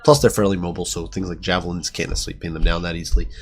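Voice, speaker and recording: A man's voice: deep voice, steady tone. A man with a sick, nasal voice giving chatty game battle commentary, with many fillers. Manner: chatty, quick, lots of fillers. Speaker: gaming commentator.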